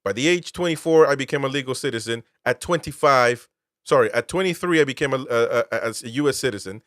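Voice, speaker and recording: A man's voice: medium pitch, brisk, a bit bright, no room sound, studio quality. A man from Peru, host and military veteran, giving political commentary with emphatic, incredulous rhetorical questions.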